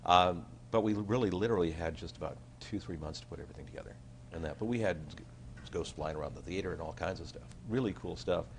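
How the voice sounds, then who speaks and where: A man's voice: sits low, fast, gravelly, slight background noise. A man chatting as a talk show guest, then doing a comedic magic routine with playful showman patter. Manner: animated, jokey showman patter, bursts of hummed tune. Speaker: guest, magician and stage effects designer.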